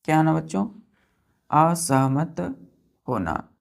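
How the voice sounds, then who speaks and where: Woman teacher, low gravelly voice, slow and repetitive, questions her class. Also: expressive. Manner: slow, explains each word twice, asks the students questions. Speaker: English vocabulary teacher. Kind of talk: classroom lesson for exam students.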